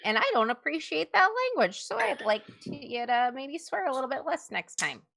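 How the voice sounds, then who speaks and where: Fussy chatty podcaster lady played by a woman, high pitched, lively, bright voice, flustered folksy manner. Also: fairly quick, vocal fry, heavily acted. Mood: prim. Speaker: game show contestant. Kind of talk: improv comedy character.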